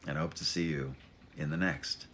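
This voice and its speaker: Here the memoir's author has a bass voice, steady and a touch bright. Informal and dramatic by turns, he stumbles over his own interruptions, adds ironic asides and hits words with theatrical weight.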